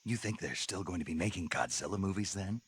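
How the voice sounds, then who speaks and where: An actor playing a terse, dry-witted soldier on a covert mission in a video game. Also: male voice, low-pitched, fast talker, breathy edge. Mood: dry, skeptical. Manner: terse, deadpan.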